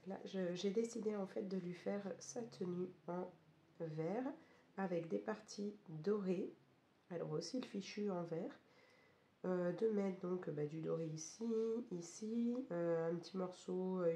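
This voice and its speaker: Hoarse woman, creaky and low, vlogger. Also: warm tone. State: hoarse, broken voice from a cold. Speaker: craft vlogger. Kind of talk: casual vlog chat about colouring. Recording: roomy echo, faint background noise.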